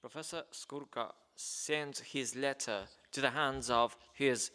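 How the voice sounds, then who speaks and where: A man reads a letter aloud at a ceremony, formal yet hesitant, filling pauses and stumbling over names. His medium-pitched voice is steady, slow, bright, forceful and smooth, and a large hall gives the formal speech a long reverb.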